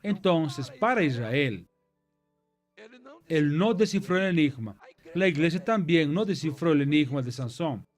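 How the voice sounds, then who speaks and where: A man's voice: a little high, lively intonation, measured pace, soft background music. A man preaching a sermon to a Bible class. He retells the story with many repetitions and restarts. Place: church.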